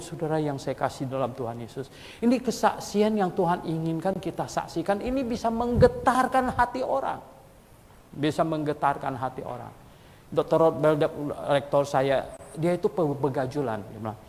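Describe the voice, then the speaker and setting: A male pastor preaching a sermon in a colloquial, lively storytelling manner, his voice leaping high when he acts out quotes. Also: a little hiss or hum. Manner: colloquial Jakarta-style speech with frequent "gitu". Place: church hall. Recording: long church hall reverb.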